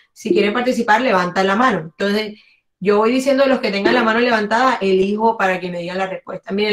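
A woman teacher leads an online class over a video call, praising her students often. She drags out English words slowly and exaggerates each sound so the class can copy them. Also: medium pitch, fairly bright tone.

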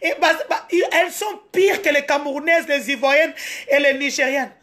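High-voiced Congolese woman streaming live. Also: moderate pace. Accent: Congolese French. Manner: animated, switching between French and Lingala. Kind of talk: casual live-stream storytelling.

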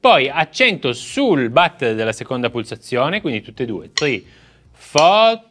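Lively bright-voiced male drum teacher. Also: mid-range voice, normal speed, faint music behind. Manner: explains step by step, counts aloud and vocalizes rhythms. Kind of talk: casual video drum lesson.

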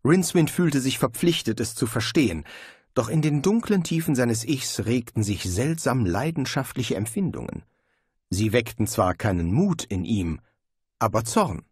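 A man reading a comic fantasy audiobook in scripted narration, expressive in his storytelling. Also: mid-range voice, normal speed, breathy edge, dry recording, studio quality.

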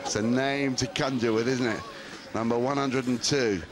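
A man's voice: mid-range voice, fairly even intonation, moderate pace. A man giving live ski race commentary, amused and often laughing.

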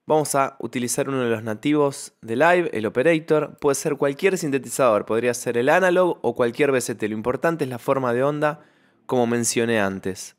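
At a moderate pace and medium pitch, a man explains an instructional software tutorial step by step. The voice-over is recorded on a close microphone.

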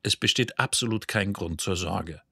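A man voicing a loud, carefree male spaceship captain who brushes off danger and shouts orders. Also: low voice, normal speed, gravelly, husky, dry recording, exaggerated voice. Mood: brash.

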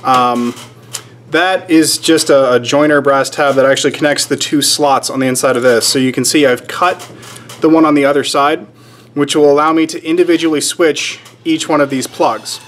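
Working in a shop workroom under renovation, a Georgia man in his thirties explains things casually to camera, wandering into wry jokes at his own expense. His highish, fairly bright voice stays steady at a normal speed. It's recorded on a camera mic at arm's length, with faint background noise.

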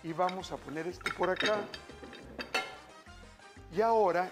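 Loud music sits behind a middle-aged man's high voice as he hosts a cooking show on TV, speaking a little slowly. Cooking in a studio kitchen, he chats cheerfully with viewers and keeps calling them "familia."

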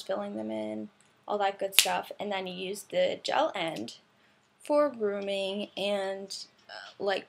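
A woman's voice: mid-range voice, vocal fry. A young woman chatting casually through a makeup product review, with lots of ums and little laughs. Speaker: beauty vlogger.

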